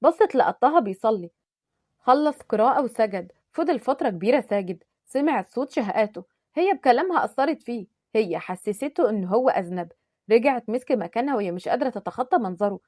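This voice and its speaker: Fast Egyptian woman telling a story. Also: a little high, lively intonation, a little mellow, no echo, clean studio sound. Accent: Egyptian Arabic. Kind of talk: storytelling narration.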